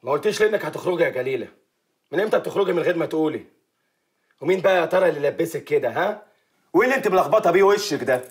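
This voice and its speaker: A man's voice: fairly high pitch, animated, racing, lightly acted. A man playing a domineering, jealous husband. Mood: suspicious. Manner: demanding, interrogating.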